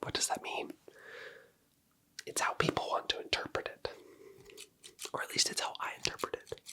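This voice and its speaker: Close to the mic, this ASMR performer takes on the role of a barber giving a haircut. The delivery is an unhurried, breathy whisper with a soft, teasing edge.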